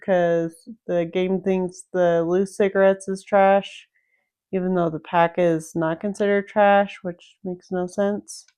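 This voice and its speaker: Woman, gameplay walkthrough commentator, clear voice, slow easygoing explaining. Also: mid-range voice, a little mellow. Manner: unhurried, explanatory, thinking aloud. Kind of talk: casual game walkthrough commentary.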